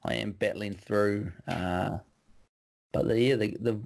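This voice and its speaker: A man hosting a casual podcast, easygoing and friendly, his voice slightly hoarse from a cold. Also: lowish voice, steady tone, slow, darkish tone. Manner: easygoing, friendly, restarts often. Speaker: podcast host and performance coach.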